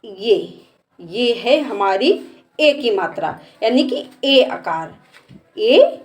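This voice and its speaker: Slow, high-voiced woman teacher. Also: big pitch swings, a little mellow. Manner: patient, repeats each sound and asks the class to answer. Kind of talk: slow step-by-step lesson.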